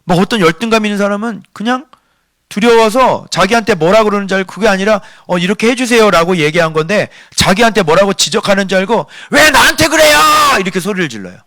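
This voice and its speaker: A male pastor preaching a sermon. He swings from hushed near-whispers to loud, emphatic lines and keeps asking the congregation rhetorical questions. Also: high voice, quick pace, no echo, clean studio sound.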